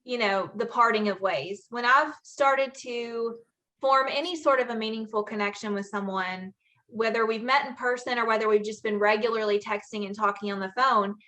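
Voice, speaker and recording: A woman's voice: fairly high pitch, moderate pace, sharp tone. A woman author hosting a casual panel chat on a video call, talking earnestly with lots of fillers. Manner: earnest, chatty, full of fillers. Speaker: author hosting a book talk.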